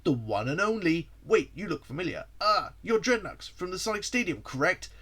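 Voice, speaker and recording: A man's voice: high-pitched, sing-song, moderate pace, bright, forceful tone, voice pushed up, full character voice. A man voicing a cocky, breezy young hedgehog hero as he reads fan fiction, casual and playful.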